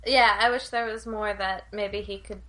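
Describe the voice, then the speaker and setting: A woman's voice: medium pitch, steady tone, moderate pace, fairly bright tone. A woman co-hosting a casual comedy podcast, reacting eagerly and gushing over favorites. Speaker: podcast co-host. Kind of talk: casual chat.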